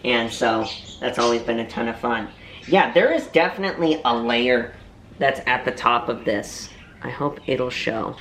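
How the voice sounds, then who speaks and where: A man's voice: mid-range voice, moderate pace, a bit bright, a little hiss or hum. A young man and voiceover artist chatting casually to camera in a food-tasting vlog. He rambles and cracks playful self-mocking jokes. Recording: roomy echo.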